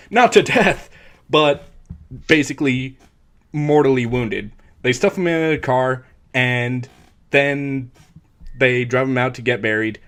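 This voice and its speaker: A man's voice: mid-range voice, fairly bright tone. A young man on a podcast casually recapping a film plot, rambling with lots of fillers. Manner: rambling, filler-heavy retelling with bursts of impressions. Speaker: podcast co-host. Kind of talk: casual movie recap chat.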